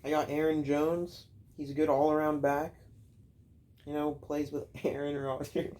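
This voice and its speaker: A man with a flat, mellow voice bluntly rattles off his football picks. He teases his friends in casual chat. Faint room ambience sits behind him. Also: a little high, a little slow, a little hiss or hum. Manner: blunt, teasing. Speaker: co-host ranking players.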